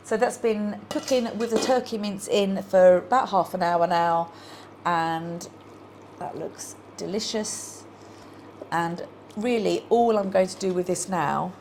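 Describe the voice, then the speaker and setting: Lady rambling thru a recipe in her kitchen, lots of ums, kinda fry-ish voice, noisy background. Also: fairly low pitch. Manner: chatty, rambling, self-deprecating, many ums. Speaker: cooking show host. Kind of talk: casual cooking demonstration.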